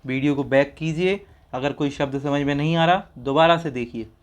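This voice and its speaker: A man's voice: a little high, moderate pace. A man teaching the recitation of a Sanskrit verse, breaking each word into syllables and repeating it patiently for listeners to say along. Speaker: teacher of a Jain scripture. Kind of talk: slow syllable-by-syllable recitation lesson.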